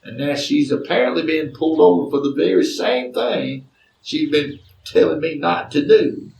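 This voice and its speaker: A man's voice: fairly high pitch, normal speed, vocal fry, darkish tone. A man from Alabama with a Southern accent telling a folksy family story with drawling asides. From Chambers County, Alabama, US. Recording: roomy, distant from mic.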